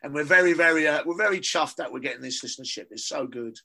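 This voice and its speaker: A man with a Cockney accent, co-hosting a gardening podcast and talking in an animated way, laughing easily. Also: on the high side, fast, gravelly. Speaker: gardening expert co-host. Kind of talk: casual chat.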